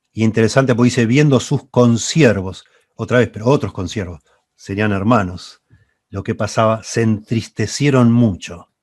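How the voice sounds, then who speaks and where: Man, Bible class teacher, lowish voice, dry sound. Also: a little mellow, dry recording. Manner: reads scripture aloud and explains it, repeating key phrases.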